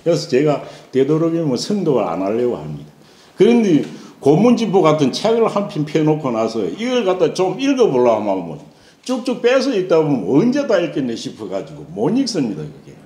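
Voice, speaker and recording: Male lecturer, sing-song chanted reading, pitch that rises and falls a lot, echoey lecture room with faint hiss. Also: huge pitch swings, warm tone. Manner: chants slowly in a sing-song, then explains with many fillers. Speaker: classical Chinese teacher.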